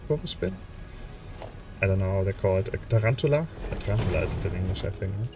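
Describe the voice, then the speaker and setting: A young man with a German accent speaks in a low, animated voice at a quick pace, picked up from a distance over loud music. He's a let's play streamer casually talking through his game and chatting with viewers, full of hesitant fillers and restarts.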